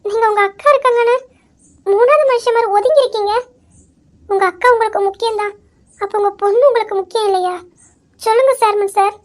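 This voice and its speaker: Woman voicing a young heroine, fiery, indignant, very high voice, amateur audio drama. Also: steady tone, fast, pauses often. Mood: reproachful. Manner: indignant, demanding, repeats questions. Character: fiery young woman defending her brother.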